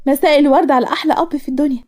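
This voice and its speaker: A woman voicing a gentle young woman, a devoted daughter, speaking sweetly with an Egyptian accent in a cartoon story. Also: high-pitched, steady tone, racing, voice pushed up, natural voice.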